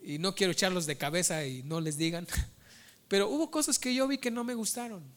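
Pastor guy preaching, high voice, keeps saying brothers. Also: fairly quick. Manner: storytelling, addresses listeners as brothers. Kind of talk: sermon.

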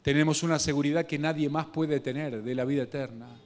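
Speaking in a fairly high voice with a Guatemalan Spanish accent, a male preacher delivers a sermon, spinning the story with local slang and humor. His intonation stays fairly even as he sinks into a quiet, slow reading and then climbs into louder, faster bursts.

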